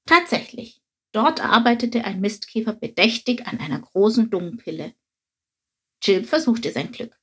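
Breathy woman reading a storybook. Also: mid-range voice, moderate pace. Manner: calm, even reading aloud. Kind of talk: scripted storybook narration.

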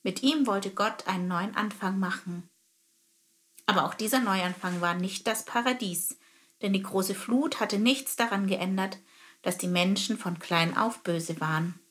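A woman narrating a children's story in a calm, even reading voice. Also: mid-range voice, measured pace, slight background noise.

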